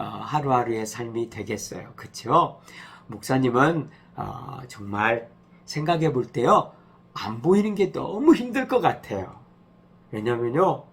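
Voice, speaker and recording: A male pastor gently telling a story to children, acting out the cries. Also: medium pitch, slightly rough. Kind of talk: children's sermon.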